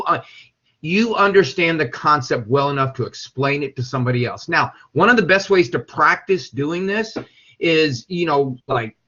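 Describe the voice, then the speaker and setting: A man's voice: on the high side, sharp tone. A man teaching a class, rambling with many repeated words and checking whether his students follow. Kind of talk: classroom lecture. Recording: dull lo-fi classroom recording.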